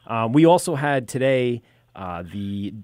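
A podcast host with a mid-range, animated, darkish voice talks a little slowly, joking and rambling through a casual chat. He's close on a boom-arm studio microphone in a small radio studio, with no echo.

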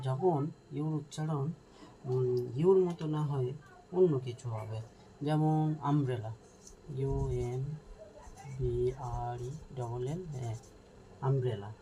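This is a teacher with a dark, mellow voice who explains a grammar lesson slowly, spelling words out one letter at a time. He keeps checking whether the learners follow along. A faint hiss of background noise sits under the voice. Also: medium pitch, rough recording.

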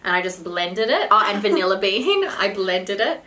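In a small indoor room, a woman in her thirties sits at a table eating, chatting casually and offering health advice as a vlog host and health coach. Her medium-pitched voice has big pitch swings, a sharp tone and a normal speed. The camera is a short distance away, picking up background noise and the clink of cutlery and bowls.

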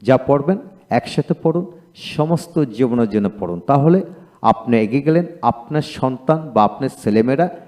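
A man teaching English grammar in a video lecture, slowly reciting and repeating word forms for learners to drill. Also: mid-range voice, expressive, a little mellow.

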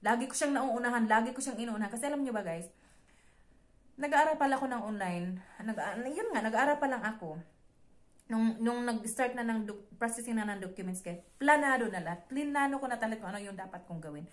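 A young woman from the Philippines telling a personal story to her viewers, animated and acting out her own lines and her employer's in dialogue. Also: on the high side, brisk. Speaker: vlogger.

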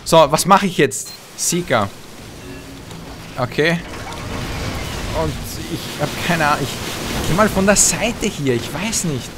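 Excitable young man commentating a game. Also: fairly high pitch, takes it slowly, long pauses, over music. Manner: animated, trash-talking, hums and mutters to himself. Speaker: gameplay commentator. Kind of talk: excited let's-play commentary. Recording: game sound effects and gunfire behind voice.

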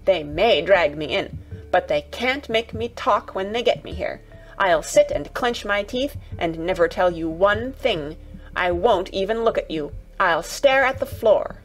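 A woman's voice: medium pitch, expressive, measured pace, faint music behind, lightly acted, rough recording. Woman voicing a stubborn sour young girl. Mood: defiant. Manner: fierce, sharp retorts. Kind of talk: storybook reading.

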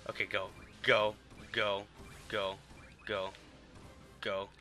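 Excitable young-sounding gamer man, very bright voice. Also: on the low side, slow pace, soft background music. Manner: excitable, repeats words when panicking. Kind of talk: let's play commentary.

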